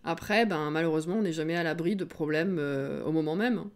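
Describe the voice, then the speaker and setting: A woman's voice: sits low, fairly quick. A woman streamer in casual chat with her viewers, laughing often and greeting people as they come in.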